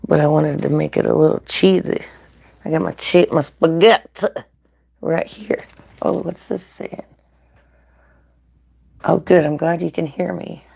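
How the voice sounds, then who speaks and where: A woman's voice: low-pitched, steady tone, measured pace, creaky, long pauses, darkish tone, slightly rough. A woman hosting a casual live-stream at home, cooking and eating at a griddle, reading viewer comments aloud and often dropping to a whisper. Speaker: live-stream mukbang host. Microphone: computer mic.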